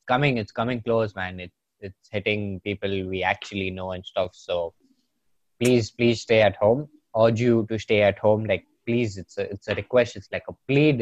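A man's voice: on the low side, no echo. A young man with a blocked nose hosting a podcast, chatting in an informal, earnest way. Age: young adult. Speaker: podcast host. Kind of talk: casual podcast chat. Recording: dry, dull lo-fi microphone sound.

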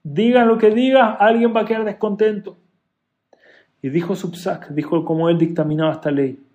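A man teaching a religious class who tells stories in an animated way, moving between loud emphasis and soft asides. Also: sits high, moderate pace. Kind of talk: Torah class.

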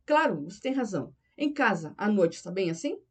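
A woman's voice: mid-range voice, very animated, fairly quick. A woman reading the lines of a tense husband in an audiobook, pressing his wife with accusing questions. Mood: subdued. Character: tense, pressing married man, middle-aged.

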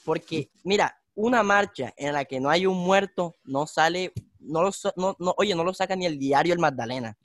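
A young man, telling a street story on a casual podcast in slangy, animated talk. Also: a little high, moderate pace, no echo, studio quality. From Colombia. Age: young adult. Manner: slangy, animated, acts out voices in his stories. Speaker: podcast host.

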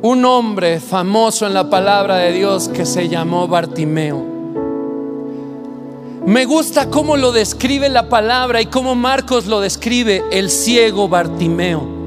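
A male preacher with a high voice delivers his sermon slowly and deliberately. His passion builds until he shouts and nearly sings his appeals. Instrumental music plays steadily behind his words. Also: expressive. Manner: impassioned, shouting and half-singing at peaks. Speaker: pastor.

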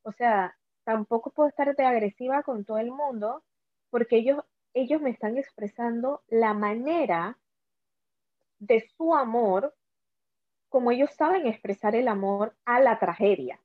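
Speaking at a measured pace in a fairly high voice, a Panamanian woman who survived cancer talks as a guest about her illness. She's earnest and conversational and tends to repeat words, and the dry recording sounds tinny, like a phone.

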